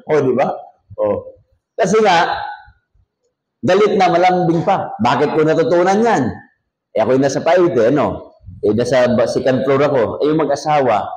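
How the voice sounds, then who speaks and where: Brief: man from Mindanao, pastor, high voice, joking loud preaching, echoey church. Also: lo-fi sound. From Mindanao, Philippines. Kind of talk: sermon.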